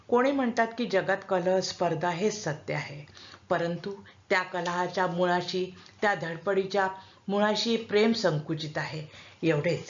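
A woman with a fairly low voice reads a story aloud, steady and earnest, leaning into the dramatic moments. The sound is dull and lo-fi. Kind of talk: reading a classic novel aloud.

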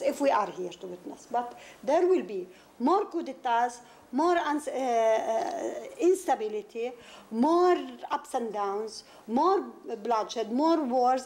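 Earnest woman from Palestine, halting English. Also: sits high, expressive, darkish tone. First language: Arabic. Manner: earnest, halting, repeats words and restarts. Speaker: interviewee, novelist. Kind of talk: interview answers. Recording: 1991 interview tape with faint noise.

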